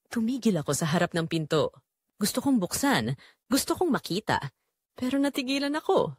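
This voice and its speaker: In a clean, dry studio recording, a woman with a Filipino accent and a mid-range voice narrates a scripted first-person audio drama. Her reading is emotive and solemn.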